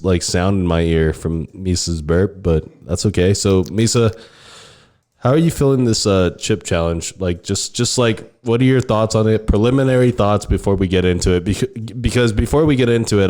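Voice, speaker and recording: A man's voice: low-pitched, moderate pace, a little mellow. An American man hosting a podcast in casual, bantering chat peppered with swearing. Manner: profane, bantering. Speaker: podcast host.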